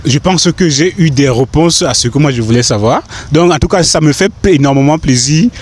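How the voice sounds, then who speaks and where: A man's voice: a little high, a little fast, breathy edge. A young man, interviewing in a park with brief prompting questions. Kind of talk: street interview. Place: park outdoors. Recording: faint outdoor street noise.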